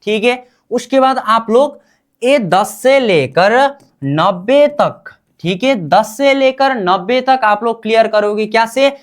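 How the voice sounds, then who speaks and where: Slow-paced woman teaching a language class. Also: fairly high pitch, animated. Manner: drills by repeated call-and-response questions.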